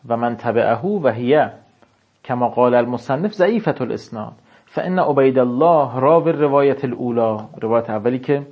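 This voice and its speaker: A man giving a seminary lecture on religious law. He reads classical text out slowly, then explains it in casual speech. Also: medium pitch, highs cut off.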